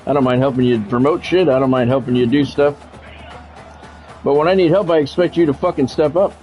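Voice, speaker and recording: A medium-pitched, somewhat mellow American man talks a little fast while hosting a game stream, chatting bluntly and casually around his play-by-play. Music sits behind the dull, lo-fi audio.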